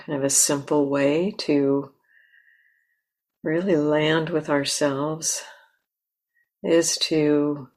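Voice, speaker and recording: This meditation teacher, a woman with a low voice, guides listeners through a meditation at a slow, unhurried pace. Her tone stays steady and gentle, with long silences between brief phrases.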